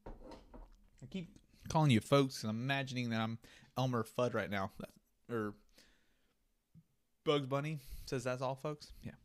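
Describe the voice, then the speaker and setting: A man's voice: medium pitch, a little slow, pauses often. A man hosting a solo podcast, rambling casually while drinking beer and musing aloud. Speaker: podcast host.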